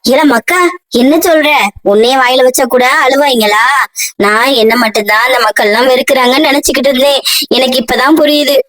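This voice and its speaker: A woman's voice: high-pitched, a little fast, a bit bright, poor audio. A woman voicing a self-pitying onion who feels unloved, in a cartoon. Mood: sulky. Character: sad onion, feeling unloved.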